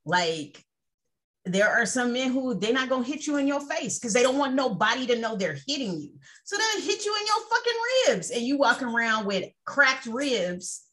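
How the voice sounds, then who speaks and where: Woman, podcast co-host, casual chat, blunt, emphatic, swearing, very animated pitch. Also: moderate pace.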